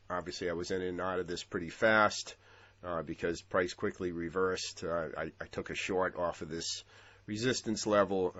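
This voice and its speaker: A man with a stuffy, congested voice from a cold, giving casual market commentary over trading charts, relaxed with lots of ums and uhs. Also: low-pitched, lo-fi sound. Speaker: futures trading analyst.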